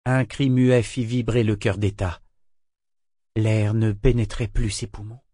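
A man narrating a fantasy novel in a steady, measured way. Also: fairly low pitch, no echo, studio quality. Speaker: audiobook narrator. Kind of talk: dramatic audiobook narration.

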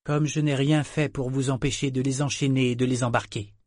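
A man doing earnest anxious teen boy, raised pitch, husky, dry sound. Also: little pitch movement, fairly quick, darkish tone, dry recording, close to an everyday voice. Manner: earnest, strained, pleading. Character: anxious fourteen-year-old boy, earnest and pleading.

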